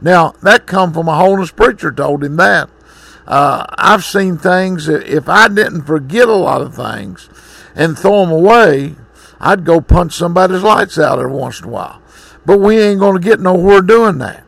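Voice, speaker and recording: A man's voice: high voice, lively intonation, moderate pace, creaky, fairly bright tone, dry recording. A man preaching a sermon, reading scripture and then exhorting in a folksy way.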